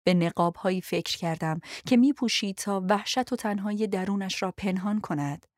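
A woman narrating an audiobook in the first person, in a quiet, reflective reading. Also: mid-range voice, no room sound, studio quality.

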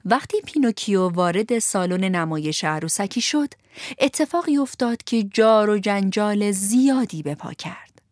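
A woman narrating a children's storybook in an expressive voice, at times soft and half-whispered. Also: mid-range voice, no room sound, clean studio sound.

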